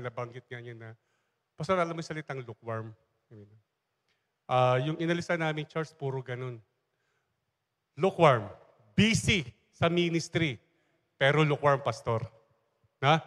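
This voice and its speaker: A man's voice: medium pitch, fairly bright tone, in a large hall. A man giving an impassioned sermon interjection, emphatic and asking the congregation for amens. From Philippines. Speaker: church leader interjecting. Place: church hall.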